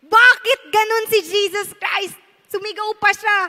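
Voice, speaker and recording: Bright, high-voiced Filipino woman preaching. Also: unhurried. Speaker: pastor. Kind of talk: sermon. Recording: long reverb of a large hall.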